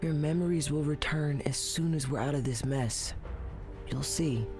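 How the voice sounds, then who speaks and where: A man voices a wisecracking young male space captain in a video game cutscene, sounding breezy, joking, and cocky. His natural voice is a little high and moves at normal speed, with loud music playing behind.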